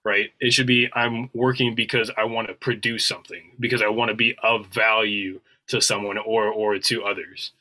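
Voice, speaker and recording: A man's voice: fairly low pitch, level tone, normal speed, hardly any pauses, bright, forceful tone, rough recording. A man co-hosting a podcast, speaking earnestly in casual chat and often checking in with "right?". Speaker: podcast co-host.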